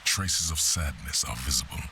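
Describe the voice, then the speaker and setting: A deep, grave game narrator. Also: male voice, expressive, normal speed, sharp tone, a little hiss or hum, full character voice. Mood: solemn. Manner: solemn, descriptive, evenly paced. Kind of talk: scripted narration.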